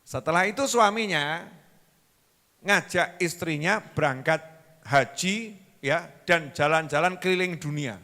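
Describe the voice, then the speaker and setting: A man's voice: a little high, a little slow, bright, forceful tone. A man with a Javanese accent preaching a sermon, telling stories and acting out both sides of the dialogue in shifting voices. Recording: long hall reverb.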